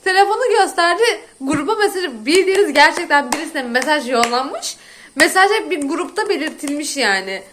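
High-voiced exasperated young woman ranting. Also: big pitch swings, fairly quick, noisy background. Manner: exasperated, laughing while ranting. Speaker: vlogger. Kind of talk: casual storytime chat.

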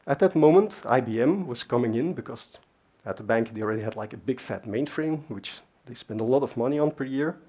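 A Dutch-speaking man gives a casual technical talk at a conference on a large, dark stage, chatting conversationally with plenty of fillers and asides. His medium-pitched voice is expressive, mellow and slightly rough, and he speaks briskly with few pauses.

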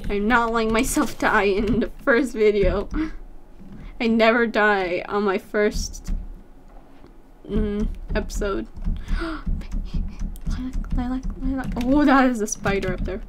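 A woman giving casual gameplay commentary, chatty, her voice jumping high when she gets excited. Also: slow pace, pauses often, a little hiss or hum. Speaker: gameplay streamer.

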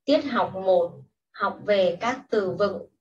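A woman teacher giving patient, step-by-step instructions in a slow classroom style. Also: mid-range voice, a little mellow. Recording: distant, muffled mic with faint hiss.

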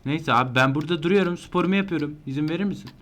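A man commenting live on a horror game he is playing, excitable and panicky when chased. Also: a little high, rapid-fire. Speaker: gameplay streamer.

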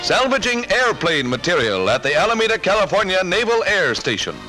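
A man's old newsreel narration, pitched high and swinging up and down with lively emphasis. His delivery is brisk and punchy, a 1940s wartime announcer's voice. Loud music plays under every line. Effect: old newsreel soundtrack.

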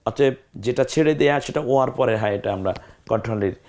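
A man teaching a Quran pronunciation lesson, explaining and slowly demonstrating each letter sound and repeating drills. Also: medium pitch, darkish tone.

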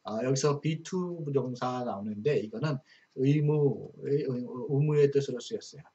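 A male teacher walks through Bible verses at a very unhurried pace, reading English phrases slowly before explaining them. His voice sits at an ordinary middle pitch, and he often pauses, repeats words and restarts. The recording sounds slightly dull and lo-fi. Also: mellow.

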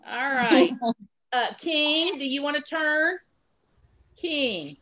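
A woman's voice: high-pitched, takes it slowly, a bit bright. A woman teaching an online pre-K class, giving patient, encouraging prompts over a video call.

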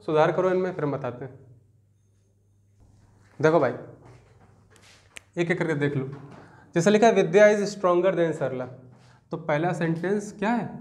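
A man with a Hindi accent teaching English grammar in a classroom lecture, explaining step by step and answering his own questions. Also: high-pitched. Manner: explains step by step, asks rhetorical questions, repeats answers back. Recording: roomy echo.

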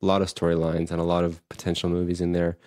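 A man's voice: low voice, completely flat delivery, fast talker, darkish tone, no echo, studio quality. A man hosting a podcast, recapping a movie plot in a rambling, casual way and acting out what the characters say. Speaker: podcast host.

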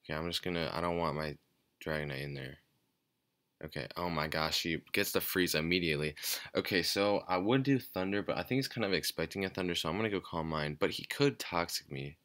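A man giving casual, off-the-cuff game commentary in a quiet, low-energy, hesitant and rambling way. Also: brisk. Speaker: gaming channel host. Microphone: speaking away from the mic at times.

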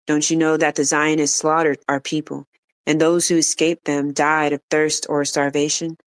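Stern refugee mother, level and clear, read by the narrator. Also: mid-range voice, flat delivery, normal speed, no room sound, natural voice. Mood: earnest. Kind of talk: read-aloud dialogue.

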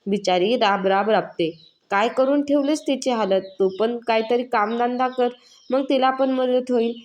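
A woman's voice: on the high side, measured pace, a little mellow, lightly acted. A woman voicing a sly lecherous village moneylender man, menacing, coaxing, spoken story. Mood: sly friendly. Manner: menacing, coaxing then threatening.

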